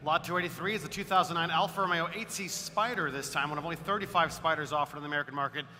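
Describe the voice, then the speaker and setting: Very bright, forceful man announcing auction lots. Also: on the high side, racing. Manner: emphatic, salesman-like presentation. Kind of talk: promotional lot description. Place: large auction hall. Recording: reverberant hall.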